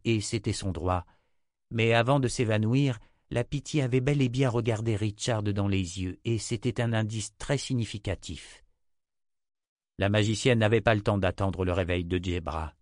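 A man narrating a fantasy novel as a scripted audiobook reading with steady delivery. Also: lowish voice, no echo, studio quality.

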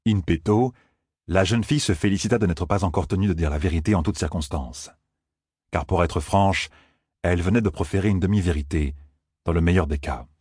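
Deep husky male audiobook narrator. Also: darkish tone, dry recording, studio quality. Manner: measured storytelling. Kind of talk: scripted narration.

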